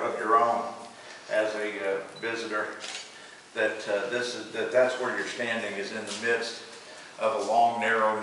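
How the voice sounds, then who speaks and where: A man with an American accent guiding a tour in a halting way, searching for words as he talks in an echoing cave. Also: lowish voice, fairly bright tone. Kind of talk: guided tour talk. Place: inside a show cave. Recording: echoing cave, distant mic, faint noise.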